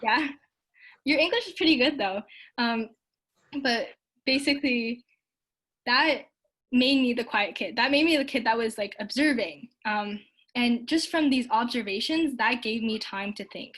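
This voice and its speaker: A young Canadian woman gives a casual online talk and takes audience questions, speaking unhurriedly in a somewhat high, slightly bright voice. Upbeat and earnest, she fills her speech with lots of likes and ums.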